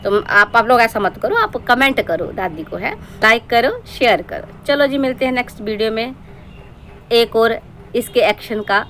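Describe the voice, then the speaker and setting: A woman from Himachal Pradesh with a fairly high voice delivers a sarcastic, lecturing roast to camera. She scolds her target in a steady stream of reaction commentary. A faint ambient hum sits behind her. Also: measured pace.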